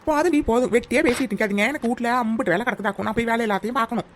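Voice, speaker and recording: Give me a vain, chatty young village wife in a cartoon, voiced by a woman, a bit high and very quick. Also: close to an everyday voice. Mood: scolding. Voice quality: loud, scolding village banter. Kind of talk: cartoon voice acting.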